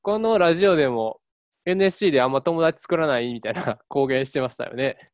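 A man's voice: medium pitch, expressive, brisk, no echo. Kansai man hosting casual radio, close and dry. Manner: teasing straight-man retorts. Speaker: radio show co-host.

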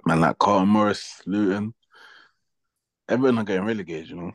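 A man's voice: on the low side, a little fast, dry recording. A young man with a London roadman accent chatting casually about football in slangy, sweary banter. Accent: London, urban roadman slang. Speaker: football podcast co-host.

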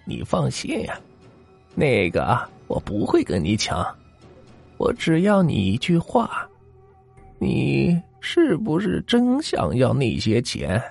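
A man voicing a sinister old granny in a ghost story, with a low, creaky, cackling voice. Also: wildly swooping pitch, slow pace, darkish tone, faint music behind, heavily acted. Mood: creepy. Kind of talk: storytelling character voice.

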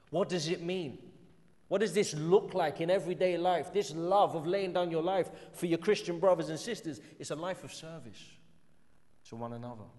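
An English man preaching a sermon with earnest conviction, his voice sitting a little higher than most men's. He swings from emphatic, raised passages down to hushed, quiet ones. A long church-hall reverb trails after every phrase. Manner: earnest, rises to emphatic peaks then drops soft. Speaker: pastor.

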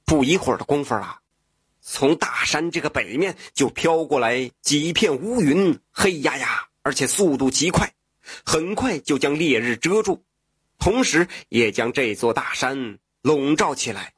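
A man narrating a folk tale in a lively oral storytelling manner, with spoken fillers. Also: a little high, unhurried, slightly rough, no room sound, studio quality.

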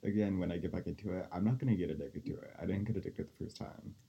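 A young man co-hosting a casual podcast, talking in a laid-back way with vocal fry. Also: low-pitched, fast talker, highs cut off. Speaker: podcast co-host. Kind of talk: casual chat.

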